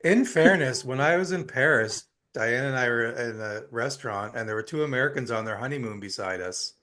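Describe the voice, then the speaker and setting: A man from Canada telling a relaxed anecdote on a comedy podcast. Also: medium pitch, a little fast. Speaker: podcast co-host. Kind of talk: casual comedy chat.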